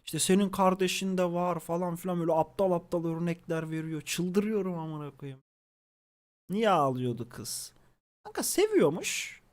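Young male streamer with a high voice; casual, animated storyteller who swears freely.

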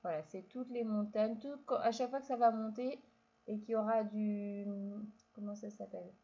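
A woman's voice: mid-range voice, fairly even intonation, mellow, lo-fi sound. A woman teaching a reading lesson to young children, speaking patiently and stretching out syllables. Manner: slow, patient, drawn-out syllables, addresses child directly. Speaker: primary school teacher.

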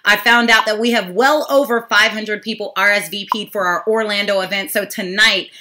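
A woman's voice: medium pitch, moderate pace, background noise. A woman from the Pittsburgh area giving a hyped, upbeat sales presentation to an online audience. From Pittsburgh, Pennsylvania area. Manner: hyped, upbeat, repeats "super excited". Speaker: network marketing presenter.

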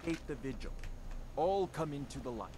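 A man's voice: on the high side, expressive, a little fast, close to an everyday voice. A man voicing a stern, menacing holy warrior in video game dialogue. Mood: stern threat. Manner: threatening, solemn. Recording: loud background noise.

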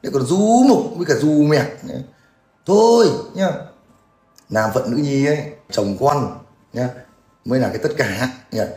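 A man's voice: mid-range voice, animated, a little slow, pauses often, mellow. A man, ranting crudely and mockingly in a livestream. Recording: echoey room with faint music.

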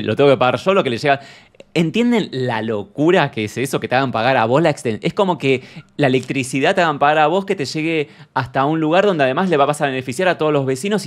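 A man's voice: mid-range voice, close to an everyday voice. A man with an Argentine accent playing a fussy, dramatic young woman on a stream, ranting in exasperation and acting out both sides of her chats. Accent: Argentine Spanish. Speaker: streamer in character. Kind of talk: comic character monologue on stream.

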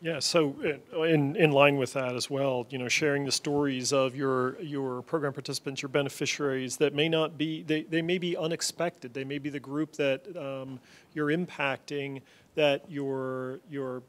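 A man speaks as a panelist in a conversational way, with a middle-pitched voice. He keeps a loose flow and fills pauses with small words. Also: steady tone. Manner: conversational, fills with "you know" and "um". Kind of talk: panel discussion remarks.

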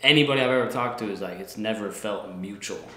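A man's voice: on the low side, fast, bright, forceful tone, echoey room. A man in his twenties from Montana, answering interview questions casually with many fillers and restarts. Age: 20s. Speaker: guest. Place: lounge room indoors.

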